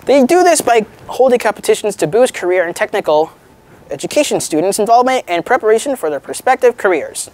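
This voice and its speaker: A young female student plays news anchor in a mock newscast. Her pitch swings in a lively way as she reads from a script. The delivery is informal and a little halting, with chatty asides.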